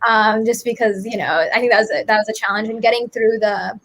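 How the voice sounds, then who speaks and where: A woman's voice: fairly high pitch, fairly even intonation, a little fast, fairly bright tone. A young woman answering interview questions, reflective and casual, with many "like"s and "I think"s. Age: young adult. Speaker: guest, student author and app maker.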